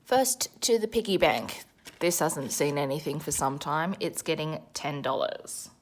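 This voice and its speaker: An Australian woman in her thirties talks through her budget in a casual, self-deprecating way. Her voice sits low but swings widely in pitch. She counts her money aloud as she goes. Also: animated, a little slow, a little hiss or hum. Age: 30s. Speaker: budgeting vlogger. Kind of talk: casual chatty vlog narration.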